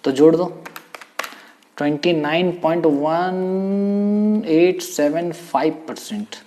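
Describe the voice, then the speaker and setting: Playful, animated male teacher. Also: on the high side, takes it slowly, slight background noise. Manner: animated, playful, exclaims and repeats himself. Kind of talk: recorded lecture.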